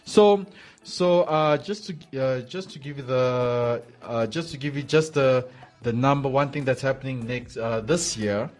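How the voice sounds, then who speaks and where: A man's voice: mid-range voice, unhurried, soft background music. A man hosting a casual radio sports show in a welcoming manner, often repeating words and phrases for emphasis. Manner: welcoming, greets listeners and co-host. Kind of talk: casual chat with co-host.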